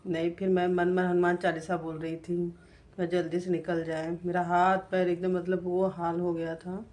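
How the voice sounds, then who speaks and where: A woman in her thirties, a vlogger and mother, narrating her day in a soft, unhurried way. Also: fairly low pitch, flat delivery. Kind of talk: casual vlog narration.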